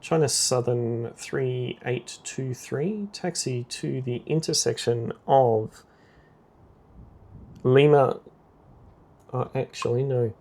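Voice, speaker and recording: In a simulator game, a man acting as air traffic controller speaks slowly, pausing often, as he gives clipped procedural radio calls. His voice is medium-pitched, creaky, and darkish.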